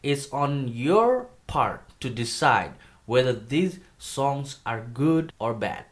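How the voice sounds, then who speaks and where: A native Nepali speaker from Nepal hosts a casual video reviewing rap songs, chatty and enthusiastic, joking about the accent he's putting on. His medium-pitched voice swings widely in pitch and moves slowly.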